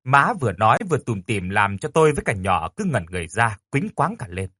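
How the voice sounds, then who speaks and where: A male storyteller narrates a first-person romance with an animated, bright delivery. His voice is husky and swings freely in pitch. It is recorded dry and close, with no room sound. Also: a little fast, dry recording. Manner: lively, stammering in dialogue.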